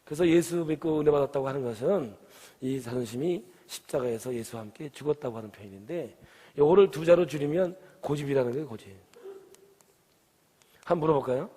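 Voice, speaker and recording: A man's voice: mid-range voice, brisk, dark tone, slightly rough. A man from the Gyeongsang region of Korea with its accent, preaching a sermon and putting questions to the congregation. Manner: asks the congregation questions and urges them to answer. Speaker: pastor. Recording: long hall reverb.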